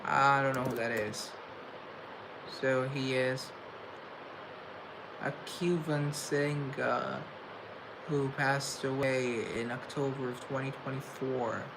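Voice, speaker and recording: A young man hosts a casual livestream, chatting reflectively in a flat, mid-pitched voice while stuttering, halting and restarting words. A clear hiss of noisy room tone sits beneath him, picked up by a phone or webcam mic.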